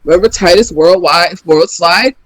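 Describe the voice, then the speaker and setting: A man co-hosting a podcast in casual chat, animated and swearing, often acting out reactions. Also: high voice, moderate pace, soft background music, low-quality recording. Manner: animated, profane, slips into impressions. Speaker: podcast co-host.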